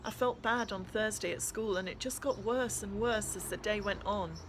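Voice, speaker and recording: A woman's voice: mid-range voice, moderate pace, background noise, close to an everyday voice. A woman reading the lines of an upset, defiant teenage girl with a tense, choked-up manner. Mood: troubled.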